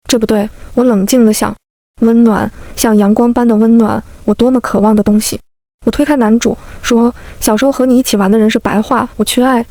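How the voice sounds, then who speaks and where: Calm young woman narrating a story. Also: a little high, no room sound. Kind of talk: first-person storybook narration.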